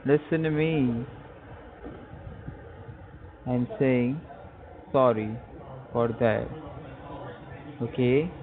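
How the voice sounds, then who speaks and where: A man's voice: mid-range voice, slight background noise. Young man prank calling in broken English. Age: young adult. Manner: halting, repetitive broken English. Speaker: prank caller. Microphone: telephone. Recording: tinny phone line.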